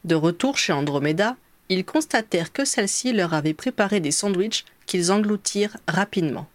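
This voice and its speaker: A woman reading a story aloud as an audiobook, telling it clearly and evenly. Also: medium pitch, lively intonation, moderate pace, no echo. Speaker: reader. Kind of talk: audiobook narration of fan fiction.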